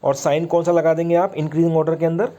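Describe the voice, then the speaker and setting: Male chemistry teacher, mellow and fairly high voice, quizzes himself as he explains. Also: little pitch movement, quick pace, muffled recording. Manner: explains step by step, asks and answers own questions. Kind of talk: exam-prep lesson.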